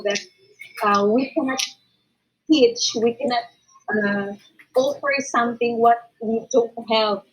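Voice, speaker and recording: Hoarse Filipino woman, slow and halting. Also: a little high. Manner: halting, many fillers and restarts. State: hoarse, losing her voice. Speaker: teacher sharing in an online course. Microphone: video call. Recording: dull lo-fi video call audio.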